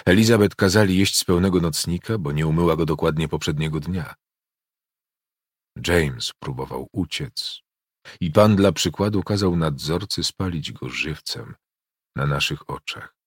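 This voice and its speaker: A man reading a novel aloud in a somber first-person narration, measured and grave. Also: extremely low pitch, slightly rough, no echo, studio quality. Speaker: audiobook narrator.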